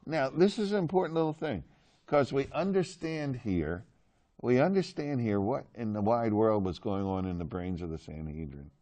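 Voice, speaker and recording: A man's voice: medium pitch, moderate pace, mellow. A male Bible teacher talks his class through a passage in an easy, chatty way. He jokes with the students and keeps pulling answers out of them. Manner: chatty, joking with the class, asks questions.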